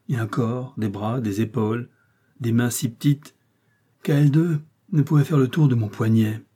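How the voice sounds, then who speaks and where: Audiobook: male reader voicing a brawny heartbroken street tough, dark husky tone, exclamatory. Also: lowish voice. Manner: emotional, pleading, exclamatory. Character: huge lovesick Parisian tough guy, grieving.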